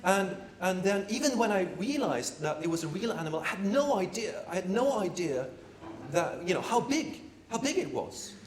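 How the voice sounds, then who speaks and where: A man with a high, sing-song voice gives a live performance lecture at normal speed in an echoey art academy lecture room, with slight background noise. Rambling, he uses plenty of fillers, repeats words and throws playful asides at the audience.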